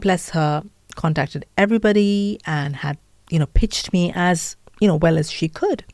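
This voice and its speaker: Her pitch is fairly low and her tone a little mellow, with no room sound in the recording. Speaking with an Indian accent, the middle-aged author and podcaster tells her story with earnest candor in an interview, running through lists and repeating her own self-talk.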